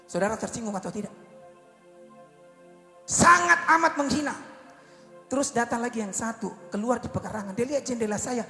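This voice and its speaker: High gravelly male evangelist in an echoey hall. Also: fast talker. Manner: storytelling, swinging from loud cries to low asides. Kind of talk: sermon. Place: church service. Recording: echoey church hall with faint music.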